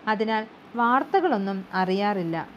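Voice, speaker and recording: A woman reading a storybook aloud in a steady, clear narrating manner. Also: medium pitch, unhurried. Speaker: audiobook reader. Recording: slightly dull with faint hum.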